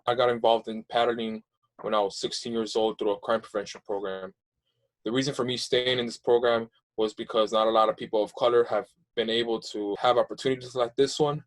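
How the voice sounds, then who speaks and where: A man in his twenties, a program participant, gives a plain, steady self-introduction. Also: lowish voice, poor audio. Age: 20s.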